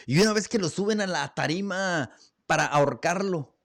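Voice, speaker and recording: A man hosting a reflective talk, earnest, asking rhetorical questions, with pauses and fillers, on a studio microphone. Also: high voice, a bit bright, dry recording. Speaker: host. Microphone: studio broadcast mic.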